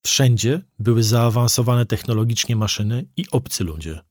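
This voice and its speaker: A man's voice: medium pitch, animated, moderate pace, a little mellow, no room sound, studio quality. A man reading a first-person story aloud as an audiobook narrator, with vivid storytelling delivery.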